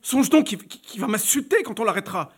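A man's voice: high-pitched, expressive, brisk, husky. A man reading aloud and voicing a panicked young baroness who stammers and pleads. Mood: flustered. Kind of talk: audiobook reading.

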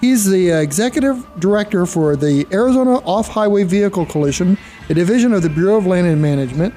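Guy hosting talk radio, pretty high mellow voice, bit of music under him. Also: lively intonation, quick pace. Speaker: radio show host. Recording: music bed behind the voice. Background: theme music.

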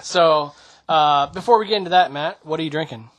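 A man co-hosting a casual podcast with a friend, easygoing and quick to laugh, with some hesitant fillers. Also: on the high side. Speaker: podcast co-host. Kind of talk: casual chat.

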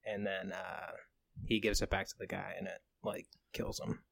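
A man's voice: deep voice, flat delivery, normal speed, creaky, a bit bright, no echo. A man co-hosting an improv comedy podcast, joking and self-mocking in casual chat. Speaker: podcast co-host.

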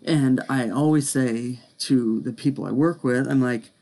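A man's voice: mid-range voice, unhurried, a little mellow. A man hosting a casual podcast chat, chatty and self-deprecating, often laughing at himself. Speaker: podcast host.

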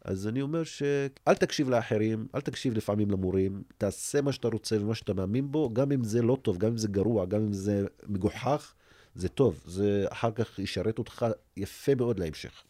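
A man from Umm al-Fahm, a native Arabic speaker, tells a story as a film director guest in an interview and acts out the voices in it. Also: lowish voice. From Umm al-Fahm, Israel. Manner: animated storyteller who acts out quoted speech.

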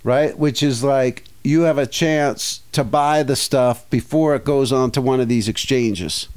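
A man with a smooth, resonant voice chats on a podcast. He rambles through stories and breaks into little acted asides along the way. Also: medium pitch, measured pace, a little mellow. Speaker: podcast co-host. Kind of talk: casual chat.

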